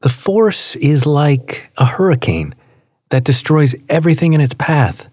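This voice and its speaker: A man voicing a calm, wise male seminar coach who speaks in a measured, knowing way. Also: a little high, no room sound, studio quality, pitched above the performer's own voice. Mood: gentle, knowing. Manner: measured, knowing, pauses for effect.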